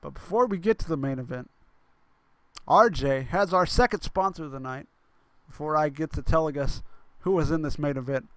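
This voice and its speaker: A man calling a wrestling show as play-by-play commentator. He talks excitably, tripping over names and correcting himself. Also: fairly high pitch, moderate pace, no echo.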